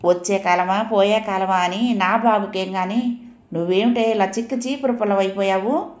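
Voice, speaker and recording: A woman's voice: medium pitch, normal speed, reverberant, lightly acted. A woman voicing an older mother over sixty who scolds and heaps curses. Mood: scolding.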